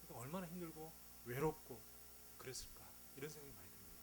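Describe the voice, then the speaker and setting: A man's voice: medium pitch, sing-song, fast, a little hiss or hum, rough recording. A male pastor giving a conversational, humorous sermon full of rhetorical questions.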